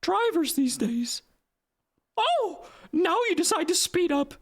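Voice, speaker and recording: A voice actor putting on a foul-mouthed cartoon mouse with road rage, in a squeaky falsetto, ranting with exasperated sarcasm and drawn-out words. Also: very animated, heavily acted. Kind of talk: cartoon character parody.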